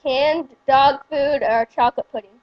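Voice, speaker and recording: A woman's voice: high voice, steady tone, normal speed, muffled recording. A woman chatting casually and reading out flavour choices during a jelly bean taste test.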